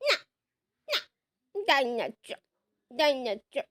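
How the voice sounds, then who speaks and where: A woman voicing a crying small boy piglet in a doll show, with a high whiny child voice. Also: wildly swooping pitch, slow, a bit bright, heavily acted. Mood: whining.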